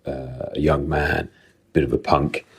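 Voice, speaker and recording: A middle-aged man speaking through a voice changer that makes him sound very deep, telling a rambling story in a recorded voice message as a listener. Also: fairly even intonation, unhurried, gravelly, husky. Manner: chatty, rambling storyteller with filler ums. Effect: voice changer pitching the voice very deep.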